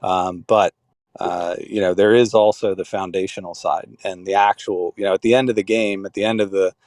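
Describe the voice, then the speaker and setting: A man's voice: low-pitched, fairly even intonation, moderate pace, darkish tone, no echo, clean studio sound. A man leading a crypto club call, talking casually and rambling with many restarts and fillers.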